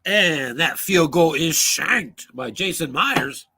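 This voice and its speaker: Calling a tabletop football match alone, a man commentates play by play with a quick, sharp, forceful, expressive delivery in a slightly high voice. His voice is giving out, hoarse and strained, and he coughs, though he still surges with energy at the big moments.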